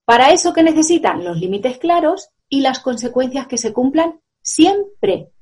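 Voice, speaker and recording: A woman's voice: sits high, lively intonation, unhurried, darkish tone. Earnest woman explaining parenting. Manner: earnest, explains with examples and tag questions. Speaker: parenting expert guest; mother of two children. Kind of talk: explanatory interview talk.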